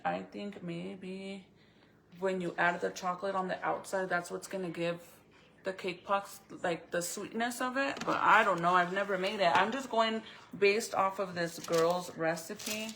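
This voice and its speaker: A woman vlogger with a bright, sharp voice and plenty of vocal fry talks casually to her viewers. She rambles informally as she thinks aloud, speaking with a retainer in her mouth. There is faint background noise. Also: medium pitch, low-quality recording. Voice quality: speech slightly impeded by a retainer in her mouth. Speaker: vlogger showing crafts and baking. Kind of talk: casual chatty vlog to viewers.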